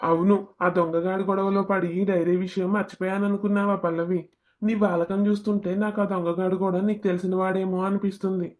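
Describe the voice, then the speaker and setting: Karthik is a hot-tempered young husband in a cartoon family drama, voiced by a woman. He barks threats and insults in a flat, even delivery with an ordinary mid pitch. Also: fast, close to an everyday voice. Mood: menacing. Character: furious rural husband, young man, threatening.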